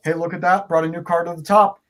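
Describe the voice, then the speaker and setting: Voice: mid-range voice, little pitch movement, fast, fairly bright tone. A performer with playful kids-party magician patter, giving repeated step-by-step instructions to an online audience in an encouraging way. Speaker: magician leading a card trick.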